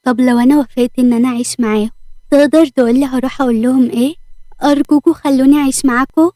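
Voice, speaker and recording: A woman's voice: high voice, fairly even intonation, rapid-fire, dark tone, dry recording, clean studio sound, natural voice. A woman with an Egyptian accent voicing a fiery, stubborn young woman who speaks indignantly and sharply.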